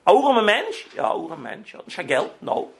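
A man telling a religious parable in halting, informal speech, often repeating and restarting phrases and switching in English words. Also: sits high, wildly swooping pitch, vocal fry, slight background noise. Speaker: storyteller.

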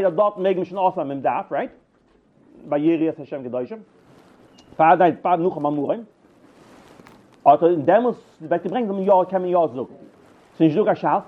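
This storyteller has a high voice and comes through a tinny line. His rambling personal stories are lively, though he stumbles, restarting and repeating words as he goes.

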